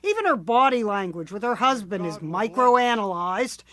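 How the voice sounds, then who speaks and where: A woman's voice: medium pitch, sing-song, moderate pace, fairly bright tone, dry recording. A woman reporting a light news feature in a wry, playful scripted delivery. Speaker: news correspondent.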